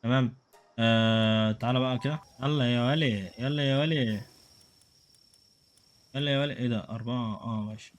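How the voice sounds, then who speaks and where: A young man with an Egyptian Arabic accent giving joking, excitable commentary while playing a video game. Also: medium pitch, a little fast, long pauses. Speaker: gaming YouTuber. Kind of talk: let's play commentary.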